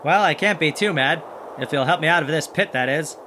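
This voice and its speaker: A man's voice: on the high side, a little fast, a little hiss or hum. A man playing a plucky, kindhearted, wisecracking monster hunter who narrates and acts in a children's audio adventure with folksy exclamations. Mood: friendly. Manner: folksy exclamations, animated chatter to sidekick.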